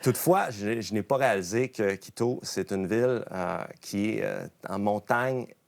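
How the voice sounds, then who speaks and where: A man with a fairly low voice and a Quebec French accent tells a casual anecdote as a podcast guest. He speaks like a lively storyteller, often stopping mid-phrase to restart and correct himself. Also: normal speed, gravelly. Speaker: guest, professional golfer.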